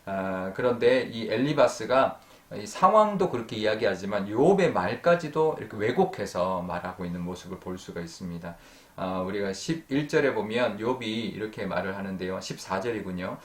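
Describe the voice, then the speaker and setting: A male pastor giving an earnest early-morning sermon. He fills his pauses with drawn-out sounds and lets sentence ends fade softly. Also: on the low side, expressive, echoey room. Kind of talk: dawn prayer sermon. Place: church sanctuary.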